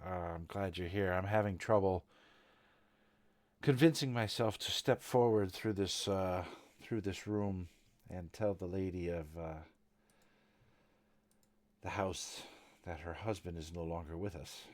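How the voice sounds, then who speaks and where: A man voicing a grieving woman servant who speaks haltingly and fearfully about her household's future. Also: low-pitched, steady tone, a little mellow, no room sound. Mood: fearful, hesitant. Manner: hesitant, halting speech.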